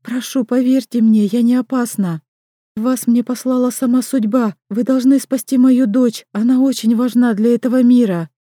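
A woman's voice: on the high side, fairly even intonation, moderate pace, warm tone, dry recording, clean studio sound, pitched above the performer's own voice, lightly acted. A woman voicing a young mother in labor, strained and urgent, speaking through clenched teeth.

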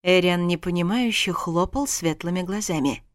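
A woman's voice: on the low side, moderate pace, no echo, clean studio sound. A woman narrating a first-person story as an audiobook, reading expressively.

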